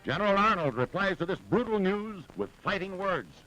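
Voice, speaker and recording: A man's voice: sits high, big pitch swings, brisk, bright, forceful tone, soft background music, rough recording. A man narrating an old 1940s newsreel with an emphatic, dramatic announcer delivery.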